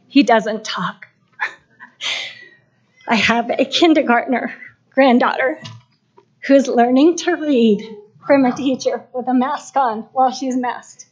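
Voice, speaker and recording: A woman's voice: a little high, a little mellow. Impassioned older woman, lo-fi livestream. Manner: impassioned, pleading. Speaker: public commenter. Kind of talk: public comment at a school board meeting. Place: school board meeting room. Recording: dull lo-fi livestream audio.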